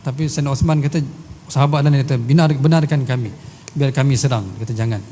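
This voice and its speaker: A man's voice: mid-range voice, fairly even intonation, fast talker, warm tone, a little hiss or hum. A man with a Malaysian Malay accent giving a mosque lecture, telling stories and reciting Arabic verses, with rhetorical questions to his listeners. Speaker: religious teacher. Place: large mosque hall. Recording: long hall reverb.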